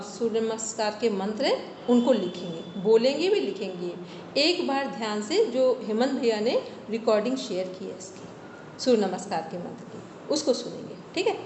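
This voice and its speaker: A high-pitched woman teaches over a video call, her voice ringing with a long hall echo. Faint noise sits behind her as she patiently corrects pronunciation and sets homework. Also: a little mellow. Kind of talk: online class instruction.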